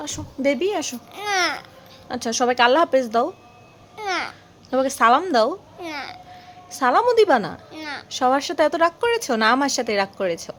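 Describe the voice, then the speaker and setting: A young Bangladeshi mother filming a family vlog at home, sweet-talking and pleading with her small children. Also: high voice. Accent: Bangladeshi Bengali. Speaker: vlogger mother. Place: home, indoors. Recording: noisy home phone recording.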